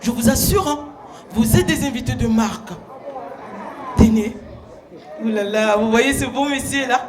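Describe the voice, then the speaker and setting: A flirtatious, gushing lady, as a male comic puts her on with an affected French accent and a very high, drawn-out voice. She teases the crowd slowly and keeps adding "hein". A cheering audience and loud noise fill the live stage recording. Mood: teasing. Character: flirty, gushing woman, Madame Ducu, with a put-on French accent. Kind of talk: stand-up character comedy on stage. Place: concert stage before a large audience.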